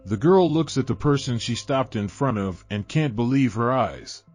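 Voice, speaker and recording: A man narrating a scripted horror story with expressive storytelling. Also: mid-range voice, normal speed. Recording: faint background music. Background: faint music.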